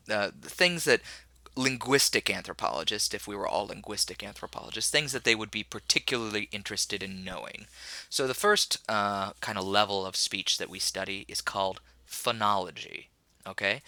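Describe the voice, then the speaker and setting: A man's voice: lowish voice, pushed and bright, dry recording. A man teaching a recorded lecture, rambling with many fillers and correcting himself as he goes.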